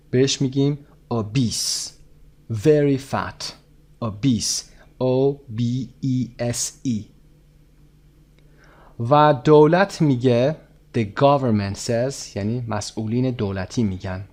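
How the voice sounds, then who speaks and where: A male teacher with a Persian accent, a native Persian speaker, works through a textbook lesson. His pitch sits at a middling level. He stretches out each English word with deliberate care, then speeds up when he explains it in Persian. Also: a little mellow.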